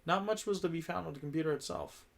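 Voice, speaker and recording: A man's voice: fairly high pitch, fast, gravelly, very noisy. A man reading a script aloud in a casual read-through, often stumbling over words and restarting lines. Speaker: script reader.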